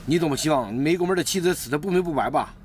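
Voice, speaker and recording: An actor playing a clownish young male disciple in a costume drama, comic and excitable. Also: fairly high pitch, racing, slight background noise, lightly acted. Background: drama score music.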